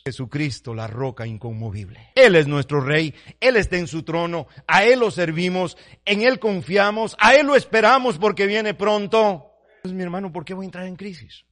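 A man preaching a fervent sermon, swinging from quiet, close talk to loud, repeated declarations and calling listeners brother. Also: a little high. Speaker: pastor.

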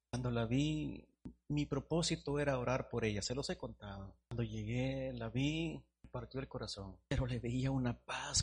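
A man preaching a sermon to his congregation, repeating phrases and swelling loud on key points. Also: medium pitch, slightly rough. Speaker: pastor. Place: church congregation.

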